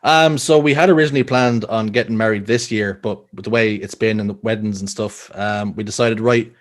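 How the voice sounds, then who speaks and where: This guest, a young man from Ireland with a Dublin accent, speaks a little fast in a steady voice on the low side. In a casual podcast interview he recounts personal stories earnestly, with many restarts.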